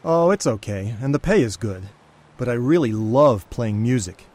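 A man's voice: medium pitch, lively intonation, a little slow, a little mellow. A man voicing a polite, friendly street violinist who also works as a waiter, in a scripted lesson dialogue. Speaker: street musician.

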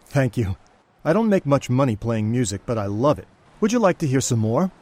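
A man's voice: medium pitch, very animated, moderate pace, very noisy, close to an everyday voice. A man voicing a polite, friendly street violinist who also works as a waiter, in a scripted lesson dialogue. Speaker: street musician.

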